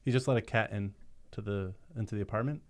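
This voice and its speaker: A man who reads the narrator's part of a horror comic and chats about it in a relaxed, quizzical way. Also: lowish voice, fast talker. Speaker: narrator reader. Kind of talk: casual comedic chat.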